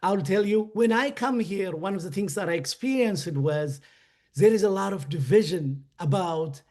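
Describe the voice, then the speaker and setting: A man from Ethiopia speaks with a notably high, light voice. He tells his story as a webinar guest, earnest and halting, with frequent fillers and restarts. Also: a little mellow.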